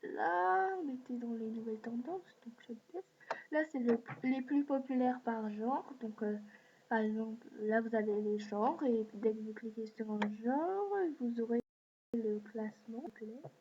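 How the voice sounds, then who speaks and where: A woman hosts a screen-recorded app walkthrough, her voice a little high and a little slow. She talks hesitantly with many fillers, captured on a dull lo-fi mic with faint hiss.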